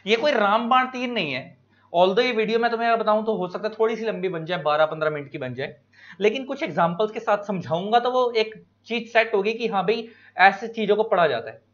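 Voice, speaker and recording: An Indian man lecturing students, explaining each point slowly with examples and stretching key words. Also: high-pitched, expressive, a bit bright. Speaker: teacher. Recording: dull lo-fi recording.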